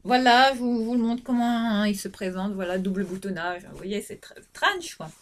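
Woman, middle-aged, casual haul vlog, rambling, fillers, restarts, mid-range pitch, camera mic at home. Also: lively intonation, moderate pace. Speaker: fashion vlogger.

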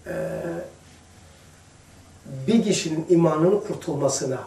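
A man giving an informal religious lesson to a small group, chatty and addressing listeners by name, moving between hushed asides and emphatic passages. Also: on the high side, animated, takes it slowly, slight background noise. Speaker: religious teacher. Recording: echoey room, distant mic.

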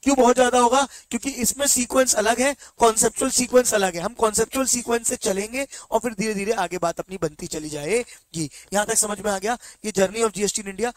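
A male teacher giving an online exam-prep lecture, mixing Hindi with slow English read-outs and quizzing students with quick check questions. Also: high-pitched, dry recording.

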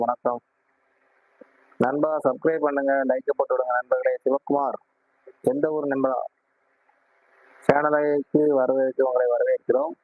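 A man hosting a casual live stream, greeting viewers warmly and repeatedly asking them to like and subscribe. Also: medium pitch, no echo. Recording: tinny phone-like sound.

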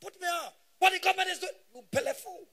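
A man in his thirties doing stand-up comedy with a Nigerian Pidgin English accent, animated and shouting his punchlines. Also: very high voice, fast. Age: 30s.

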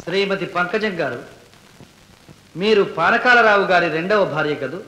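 An actor playing a sharp, insistent lawyer cross-examining witnesses in an old film. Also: male voice, high voice, moderate pace, a little hiss or hum. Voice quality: probing, insistent. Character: sharp probing male defence lawyer. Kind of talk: 1970s Telugu film acting. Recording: echoey old film soundtrack.

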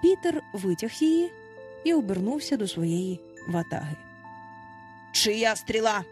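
A woman narrating a children's storybook aloud with animated expression. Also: mid-range voice, moderate pace, soft background music. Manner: animated, voices each child in turn. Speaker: audiobook narrator.

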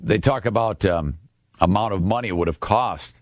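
A man's voice: on the low side, moderate pace, dry recording. A man hosting a radio talk show in a conversational way, laughing easily. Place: radio studio.

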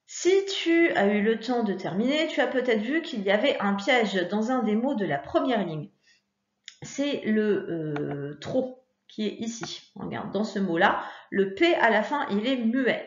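A woman teacher talking young pupils through a phonics worksheet in a patient, encouraging way, with frequent fillers. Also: mid-range voice. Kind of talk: recorded lesson for young pupils. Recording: echoey room, dull lo-fi sound.

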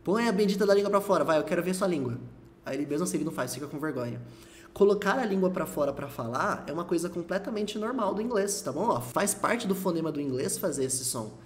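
A man from Brazil giving a casual video lesson on English pronunciation, lively and repeating example words slowly to demonstrate. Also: high voice, slight background noise. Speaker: English teacher.

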